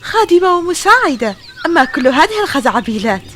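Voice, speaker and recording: A woman's voice: high-pitched, big pitch swings, fast, a bit bright, a little hiss or hum. A woman in her twenties playing a puzzled modern young woman lost among ancient Romans in an audio drama. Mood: bewildered. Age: 20s. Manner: puzzled, questioning.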